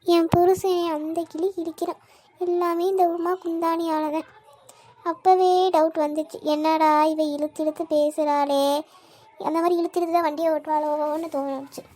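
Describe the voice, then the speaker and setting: A woman's voice: very high-pitched, flat delivery, moderate pace, mellow. A woman voicing a put-upon young wife in a cartoon, complaining and grumbling. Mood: lamenting. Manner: complaining, meek toward husband. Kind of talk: cartoon voice acting.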